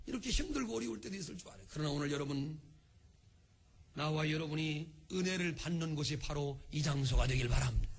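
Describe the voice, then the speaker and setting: A man delivers a church sermon with a high, husky voice. His pitch rises and falls widely as he preaches. He acts out the lines of the people he quotes. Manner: animated preaching, acting out quoted speech. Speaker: pastor. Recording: broadcast recording of a church service.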